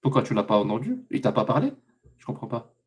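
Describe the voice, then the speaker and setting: A man hosting a live online debate, pressing his guest with sarcastic rapid questions. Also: mid-range voice, huge pitch swings, breathy edge. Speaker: debate host.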